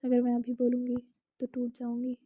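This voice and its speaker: A woman voicing a thoughtful young woman in a storybook tale, speaking low and inward as she steadies herself. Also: completely flat delivery, moderate pace, breathy edge, no room sound, phone-quality sound. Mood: holding back.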